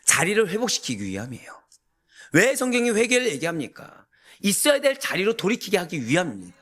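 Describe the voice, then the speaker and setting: A man preaching a sermon as a pastor, emphatic and full of rhetorical questions to the congregation, rising to near-shouts. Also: sits high, huge pitch swings, fairly quick.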